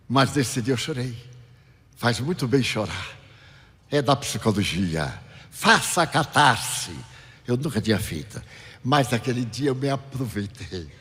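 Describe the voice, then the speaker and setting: Dramatic Brazilian male lecturer in a reverberant hall. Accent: Brazilian Portuguese, Bahian. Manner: dramatic storyteller with big swings in pitch and loudness. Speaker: spiritist speaker. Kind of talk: spiritual lecture with personal storytelling.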